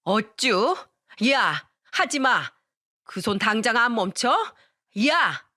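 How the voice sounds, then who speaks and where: A woman's voice: fairly high pitch, expressive, slow, bright, forceful tone, no room sound, studio quality, heavily acted. A woman putting on a scornful old mother-in-law. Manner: scornful, bossy. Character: harsh scolding older mother-in-law.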